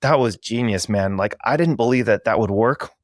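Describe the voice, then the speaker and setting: A man's voice: lowish voice, normal speed, dry recording, clean studio sound. A man hosting an interview podcast, chatting enthusiastically and heaping praise on his guest in a casual, effusive way. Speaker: podcast host.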